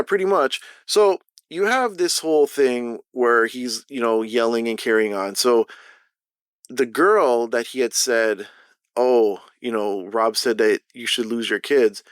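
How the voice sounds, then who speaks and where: A man's voice: mid-range voice, a bit bright, dry recording, studio quality. A Canadian man vlogging over gameplay, telling a story in casual, profane slang with lots of energy. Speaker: gaming vlogger.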